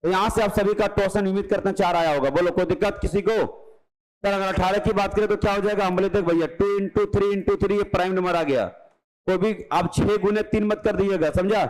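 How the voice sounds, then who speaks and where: A male math teacher giving an exam-prep lecture, brisk and coaxing, often acting out his students' questions and answering them. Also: high-pitched, fairly even intonation, poor audio.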